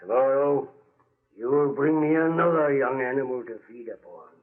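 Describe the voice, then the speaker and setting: A man's voice: medium pitch, animated, narrow, tinny audio, close to an everyday voice. An actor playing a cruel, domineering, ghoulish old man who threatens and gloats in an old radio horror drama. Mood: gloating. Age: older. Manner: threatening, slow, gloating, cackling. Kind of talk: 1940s radio horror acting.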